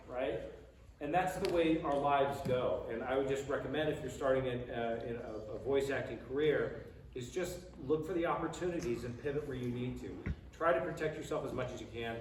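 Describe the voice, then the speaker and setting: This is a Colorado-born American voice actor, middle-aged, speaking as a panel guest at a convention Q&A. He talks at a medium pitch in a relaxed yet emphatic way. A distant mic picks him up in a large, crowded room that is noisy and very reverberant.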